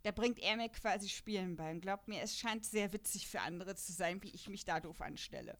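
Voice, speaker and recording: A woman with a German accent hosts a casual podcast about an audio drama series. Her mid-range voice moves briskly, and she keeps things jokey and self-deprecating.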